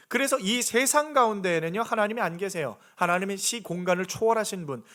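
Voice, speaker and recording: In a church sanctuary, a pastor earnestly preaches a sermon in a high, slightly bright voice, repeatedly putting rhetorical questions to his congregation.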